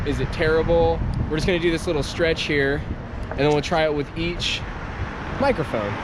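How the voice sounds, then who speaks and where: A man's voice: a little high, fairly even intonation, normal speed. Man vlogging outdoors over wind and traffic. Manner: projecting over wind and traffic, often asking short questions. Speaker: vlogger reviewing audio gear. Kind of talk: casual vlog chat while riding outdoors. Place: outdoors beside a neighborhood street, moving on an electric board. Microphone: action camera, small clip-on and external mics. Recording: wind and traffic noise on action-camera and small mics. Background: passing cars, wind.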